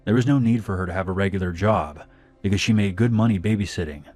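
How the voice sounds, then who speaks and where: A man narrating a first-person horror story in a calm, plain manner. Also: low voice, fast, no room sound, soft background music.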